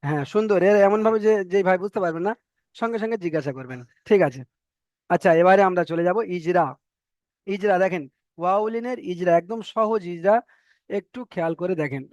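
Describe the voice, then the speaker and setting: A man teaching an online reading class, sounding out letters slowly and repeating them for his students. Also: sits high, darkish tone, no room sound. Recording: dry, slightly muffled online class audio.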